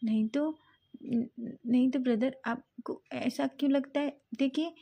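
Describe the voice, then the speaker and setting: A woman's voice: sits high, measured pace, vocal fry, warm tone, voice pushed up, exaggerated voice. A woman voicing a flustered young man who stammers through nervous denials in a storybook romance.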